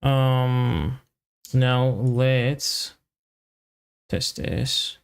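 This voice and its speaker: This is a developer's casual live coding commentary, a man muttering broken fragments as he thinks, with long pauses between them. He has a mid-range voice that is both creaky and smooth.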